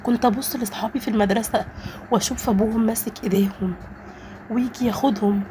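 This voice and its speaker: A woman's voice: a little high, steady tone, fast talker, background noise. A woman with an Egyptian Arabic accent, narrating a first-person story in an earnest, emotional way.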